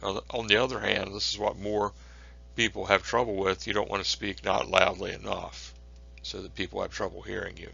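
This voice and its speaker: Male instructor, lower pitch, bright forceful tone, measured delivery with fillers. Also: flat delivery, gravelly, husky. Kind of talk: recorded lecture. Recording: dull lo-fi recording.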